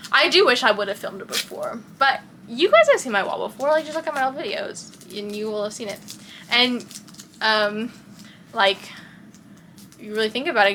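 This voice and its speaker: A woman's voice: a little high, noisy background. A young woman from Texas with a light Texan accent, rambling in casual chat in her bedroom and often losing her train of thought. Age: young adult. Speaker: vlogger.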